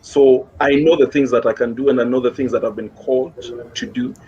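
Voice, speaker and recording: A Kenyan man, appearing as a music guest in a casual interview, sounds encouraging, repeats phrases, and mixes English with Swahili slang. His medium-pitched voice is a little mellow, fairly even in intonation, and fairly quick. The recording is muffled, with clear background noise.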